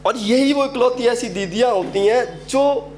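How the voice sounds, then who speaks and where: A man's voice: very high voice, unhurried. A young man from Uttar Pradesh performing a stand-up comedy set at an open mic, telling a story and acting out the people in it. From Uttar Pradesh, India. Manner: storytelling, acts out quoted characters. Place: open mic event venue.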